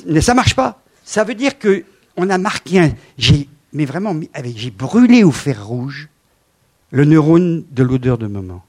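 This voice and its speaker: Man, 70s, animated lecturer with slides; bursts of emphasis and murmured asides, slightly high-pitched. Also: a little slow. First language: French. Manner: animated, swings from loud emphasis to quiet asides.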